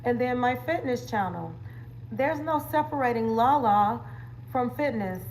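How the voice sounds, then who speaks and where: The recording is rough, with slight background noise, and her voice runs on the high side, darkish in tone, with lively intonation at a measured pace. She's a livestream host and wellness coach, chatting playfully and casually with viewers through slang catchphrases and plenty of laughter.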